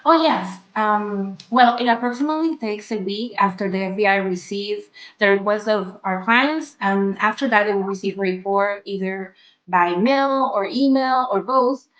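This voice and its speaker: A woman's voice: mid-range voice, normal speed, lo-fi sound. A woman, a company co-director, speaking plainly and matter-of-factly. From Panama. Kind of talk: business interview.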